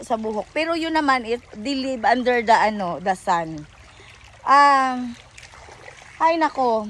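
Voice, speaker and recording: Filipino lady rambling on her phone vlog outside by a river, kinda high voice, lots of ums. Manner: rambling, chatty, many fillers and self-corrections. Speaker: vlogger. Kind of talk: casual chat mixing English and Tagalog. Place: outdoors by a river.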